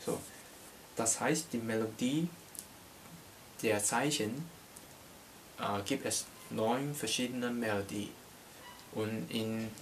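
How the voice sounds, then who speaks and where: This young adult language teacher from Hong Kong, whose first language is Cantonese, delivers a casual lesson indoors in a small bedroom. He speaks in a lowish voice, slowly and haltingly with frequent hesitations, into a camera placed at desk distance in front of him. The recording is low quality, with slight background noise.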